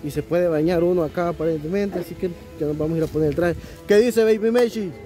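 The host's voice sits high and comes out fast yet mellow, with faint music in the background. He's a man with a Salvadoran Spanish accent running an easygoing, enthusiastic travel vlog outdoors at a riverside restaurant, chatting away and laughing often.

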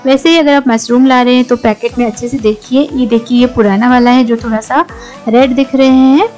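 Her voice is fairly high and steady in tone, moving a little fast. This middle-aged woman from India voices over friendly kitchen advice for her home cooking channel, slipping English words into her Hindi while soft music plays underneath.

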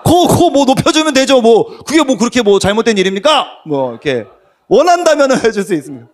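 A man in his forties preaching a sermon to a church group, telling stories with swings from hushed to loud. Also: extremely high pitch, very animated, fairly quick. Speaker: pastor. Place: church room with an audience.

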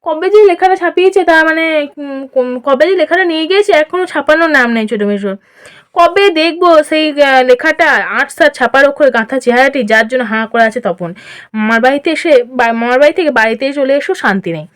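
A woman's voice: high voice, expressive, quick pace. A woman teaching a literature lesson, repeating lines and asking and answering her own questions. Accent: Bengali. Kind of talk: explaining a Bengali literature lesson.

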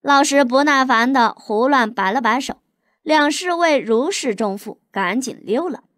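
A woman reads a long serialized novel aloud in steady storytelling. Her voice is high, and the recording is dry and close with no room sound. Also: unhurried, no room sound. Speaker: audiobook narrator. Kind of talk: audiobook novel narration.

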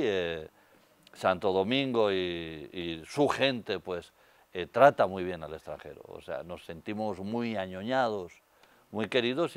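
Older man, accent from Spain, lowish voice, dry lapel mic, storytelling guest. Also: clean tone, no room sound. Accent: Spanish, from Spain. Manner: storytelling, gestures with hands, many fillers. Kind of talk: studio interview. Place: TV studio set.

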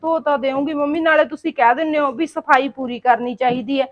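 A woman acting out a hardworking young daughter-in-law who asks politely and pleads. Her voice is high. The sound is dull and lo-fi, like a home video. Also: steady tone, fast talker, lightly acted. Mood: pleading. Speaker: daughter-in-law in a family short film. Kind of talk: amateur family drama acting.

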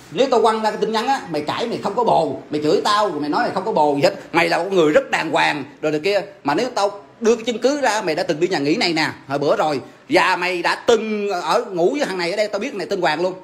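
Casting: a man as a betrayed husband, high voice, rapid-fire lecturing, echoey room. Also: lightly acted. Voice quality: rapid, insistent, keeps demanding agreement. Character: wounded, scornful husband, middle-aged man. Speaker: husband confronting his cheating wife. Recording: echoey room with faint ambience.

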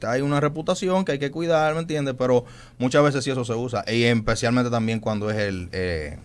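A young man from the Dominican Republic with a Dominican accent, a singer answering questions calmly in a radio studio interview. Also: medium pitch, fairly quick, clear, resonant tone. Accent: Dominican Spanish. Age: young adult. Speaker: guest singer. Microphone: studio mic on a stand.

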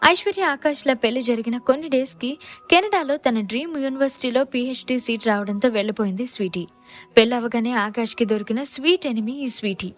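A woman narrating a scripted audio story in a lively, expressive way. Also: on the high side, brisk, faint music behind.

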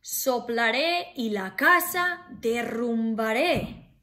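A woman voicing a loud, menacing male wolf in a children's story, drawing out her threats. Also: animated, heavily acted. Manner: booming, drawn-out threats.

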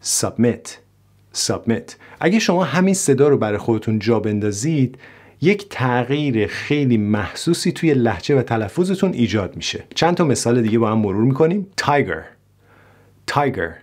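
A man teaching English pronunciation in a video lesson, modeling words clearly and repeating them slowly. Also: medium pitch, expressive, a little mellow.

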